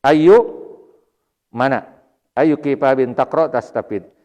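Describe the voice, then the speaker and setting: A man teaching Arabic grammar to a mosque study class, reading phrases slowly and then explaining them quickly with a chuckle. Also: medium pitch, lively intonation, a little mellow, lo-fi sound. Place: mosque hall. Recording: long hall reverb.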